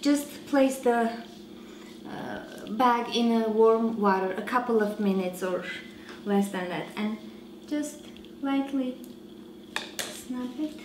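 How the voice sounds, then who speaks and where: A woman in her thirties hosting a home cooking show, giving slow, relaxed instructions with frequent fillers while she works. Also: fairly high pitch, reverberant, a little hiss or hum, poor audio. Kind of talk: cooking demonstration. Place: large home kitchen.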